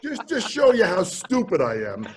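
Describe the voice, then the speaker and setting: An older man telling a story over a video call, shouting out quoted lines and mimicking other people's voices. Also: high-pitched, wildly swooping pitch, normal speed, crowd noise. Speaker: drum teacher telling stories.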